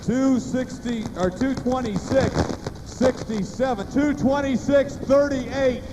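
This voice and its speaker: A man's voice: steady tone, slow. A man announcing distances and results live at a sporting event. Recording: noisy live arena with engine rumble.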